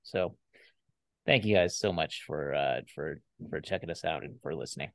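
A man's voice: a bass voice, normal speed, a bit bright, dry recording. A man co-hosting a casual podcast chat, laid-back and given to jokey asides. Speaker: podcast co-host.

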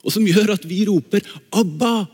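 A man's voice: on the high side, animated. Enthusiastic male preacher in an echoing hall. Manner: enthusiastic, exclaims, shifts between slow reading and quick asides. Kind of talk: sermon with Bible reading. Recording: long reverb of a large hall.

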